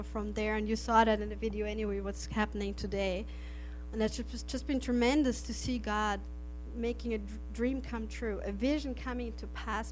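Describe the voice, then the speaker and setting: The audio is poor, with a little hiss or hum, capturing a woman's fairly high voice. She is a middle-aged native German speaker from Austria offering an earnest missionary testimony to an audience, with many laughs and restarted phrases.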